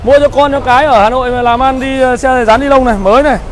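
A man in his thirties with a northern Vietnamese accent gives a live street sales pitch as a motorbike dealer, in repetitive hawker-like patter. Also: fairly even intonation, quick pace. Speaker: used motorbike dealer, livestream host. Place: busy street outside a motorbike shop. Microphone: clip-on lapel mic. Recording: loud street traffic noise.

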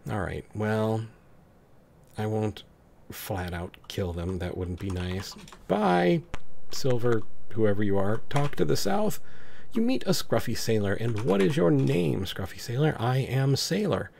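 A man's voice: fairly low pitch, animated, a little slow, gravelly, darkish tone, a little hiss or hum. A man hosting a let's play, reading the on-screen dialogue aloud and adding dry comments.

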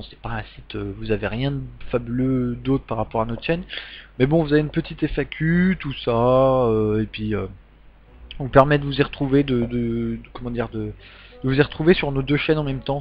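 A man's voice: medium pitch, brisk. A man giving a casual update to his gaming channel's subscribers, rambling with many ums and restarts. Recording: dull lo-fi sound with faint music.

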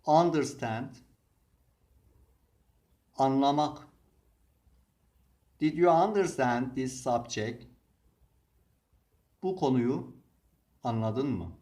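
Male language teacher, mid-pitched, extremely slow and deliberate delivery. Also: darkish tone. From Turkey. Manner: slow, deliberate reading of words and example sentences. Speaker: English teacher. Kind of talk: slow vocabulary lesson.

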